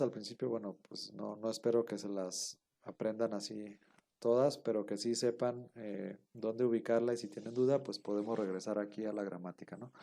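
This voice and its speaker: Mellow-voiced male teacher, patient lecture delivery. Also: mid-range voice. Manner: patient, explains step by step, checks understanding often. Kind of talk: online class lecture.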